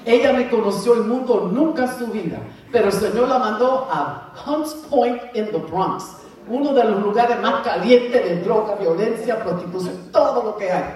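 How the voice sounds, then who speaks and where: Woman, middle-aged, fervent church testimony, high voice, far from mic. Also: normal speed, darkish tone. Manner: fervent, laughs often, slips into English phrases. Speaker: church speaker giving testimony. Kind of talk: preaching testimony. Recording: echoey hall from far off.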